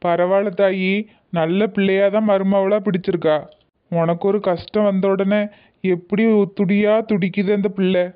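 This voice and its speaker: A man's voice: high voice, level tone, normal speed, clean tone, close to an everyday voice. A cartoon figure of an older village moneylender, voiced by a man, humbled and pleading with a lilt. The voice stays level with little rise or fall. The audio is tinny and narrow. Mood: remorseful. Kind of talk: cartoon voice acting.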